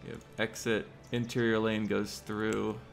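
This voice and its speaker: A man with a low, gravelly voice mutters his way through a city-building game, half planning out loud and half answering his chat. His talk is loose and casual, and faint music sits under the voice. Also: level tone, measured pace. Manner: muttering to himself while planning, talking to chat. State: hiccups. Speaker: livestreamer. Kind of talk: casual gameplay commentary.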